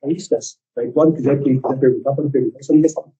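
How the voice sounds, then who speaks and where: Testifying in court as a defendant, a man with a Brazilian Portuguese accent tells his story animatedly and acts out the dialogue. His medium-pitched voice comes rapid-fire, and the audio sounds dull.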